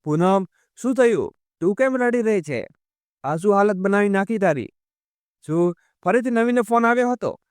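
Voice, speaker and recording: Calm reassuring husband, read by a man. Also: high voice, normal speed, long pauses, smooth, no room sound, clean studio sound. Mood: soothing. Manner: soothing, explaining tone.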